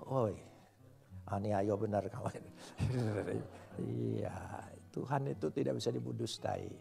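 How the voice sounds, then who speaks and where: A man preaching a sermon to a congregation, animated, swinging between loud and soft and joking with the listeners. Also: lowish voice, takes it slowly, creaky. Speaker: pastor.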